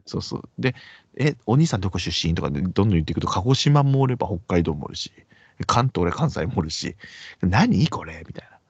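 A man with a Kansai accent, telling a story in casual chat and acting out the other people's lines with sudden high voices and whispers. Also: husky, dry recording, highs cut off. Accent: Kansai Japanese. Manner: animated, acts out quoted voices in pitch jumps and whispers.

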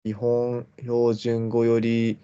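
A man's voice: medium pitch, completely flat delivery, drawn-out words, warm tone, clean tone, lo-fi sound. A man in his twenties with a Kansai accent, an easygoing podcast co-host chatting casually. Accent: Kansai Japanese. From Kansai, Japan. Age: 20s. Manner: easygoing, frequent short affirmations. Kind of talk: casual chat.

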